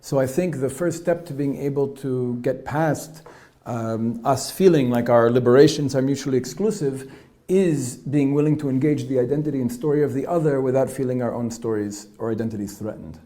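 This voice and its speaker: A teacher and peace activist in a panel discussion, explaining his views in a measured, step-by-step way. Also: mid-range voice, dark tone.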